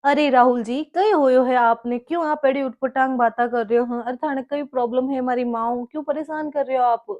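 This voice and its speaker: Comic skit lead: indignant Marwari wife, high-pitched, defensive. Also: female voice, a little mellow, dull audio. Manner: indignant, defensive, rapid questions. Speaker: skit performer playing the wife.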